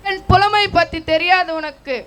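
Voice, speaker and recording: A woman's voice: extremely high pitch, normal speed, a bit bright. A woman playing a whiny, poor comic poet. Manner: whiny, pleading and sarcastic. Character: poor, greedy, comic male temple poet. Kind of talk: stage play dialogue.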